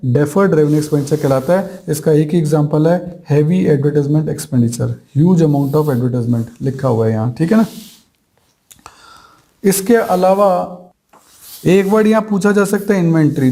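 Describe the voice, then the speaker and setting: A male commerce teacher gives an exam-prep accounting lecture in Hindi sprinkled with English terms, working through it step by step and posing rhetorical questions he answers himself. His voice is fairly high and dark in tone, at a moderate pace.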